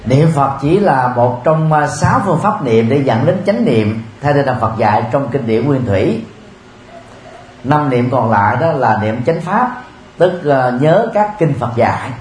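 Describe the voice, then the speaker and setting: A man delivers a Buddhist dharma talk in a steady, measured manner, pausing often with soft filler sounds. His voice sits in an echoey room with faint background noise. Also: mid-range voice. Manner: measured, with frequent filler pauses. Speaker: Buddhist teacher. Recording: roomy with faint ambient noise.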